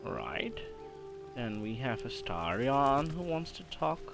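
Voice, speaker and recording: A man's voice: medium pitch, very animated, takes it slowly, vocal fry, over music. A man giving casual let's-play commentary, chatting to himself as he plays. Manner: chatty, talks to himself over the game. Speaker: game streamer.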